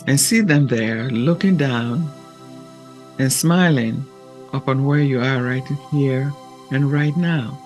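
A man speaking in a gentle, measured and deliberate way, with long pauses, as he hosts a reflective talk and guided meditation. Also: medium pitch, soft background music. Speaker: podcast host and meditation guide.

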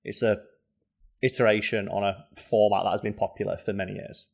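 Animated man chatting casually. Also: brisk, creaky. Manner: animated, swearing, pitch jumping up in mock quotes. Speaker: podcast co-host. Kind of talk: casual chat.

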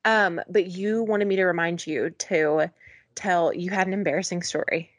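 A woman's voice: fairly low pitch, steady tone, moderate pace, no room sound. A young woman co-hosting a podcast in easygoing casual chat, laughing often and keeping the show moving. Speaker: podcast co-host.

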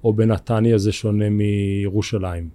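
A man's voice: fairly low pitch, flat delivery, dark tone. A man, interviewing conversationally as a podcast host.

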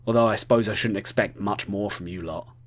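Story audiobook: man reading a blunt, threatening interrogator, lowish voice, close to the narrator's own. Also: brisk, natural voice. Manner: curt, threatening. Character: harsh impatient male security chief, interrogator.

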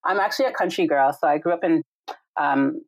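Fairly quick and low-voiced, a Jamaican woman chats warmly and reflectively as a guest on a video call, leaning on "like" and "right?" often. She teaches yoga and meditation, and the recording is rough but echo-free.

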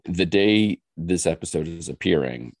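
A man's voice: low-pitched, lively intonation, normal speed, no room sound, clean studio sound. A man hosting a podcast in a casual, joking chat. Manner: joking, playful. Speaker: podcast host.

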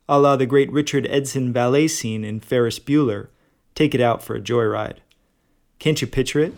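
A man's voice: mid-range voice, darkish tone. Wry male podcast narrator. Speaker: podcast host, bookseller. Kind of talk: scripted narration.

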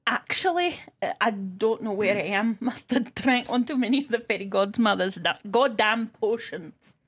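A woman's voice: mid-range voice, lively intonation, moderate pace, slightly rough. A woman voicing a boisterous, flirty green male ogre with a playful mock Scottish accent. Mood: jovial.

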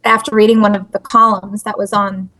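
A woman's voice: medium pitch, little pitch movement, a little fast, sharp tone. A bubbly, chatty woman calling in as a guest on a podcast, laughing often. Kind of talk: casual podcast chat. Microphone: call-in line over speakers.

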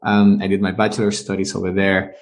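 A man from Venezuela in his thirties, a business owner telling his career story in a casual interview, animated as he tells it. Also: low-pitched, fairly quick. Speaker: guest, live streaming business owner.

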